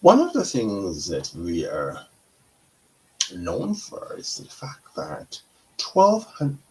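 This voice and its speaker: A middle-aged man from Guyana, a counselor hosting a talk show, speaking in a slow, deliberate monologue with pauses and self-corrections. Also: on the low side, huge pitch swings, darkish tone, poor audio.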